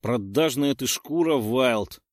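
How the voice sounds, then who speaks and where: A man's voice: medium pitch, expressive, slow pace, no room sound. A man reading aloud and voicing a wry young man with a snorting, sarcastic manner, close to his own voice. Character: wry young man who barely survived.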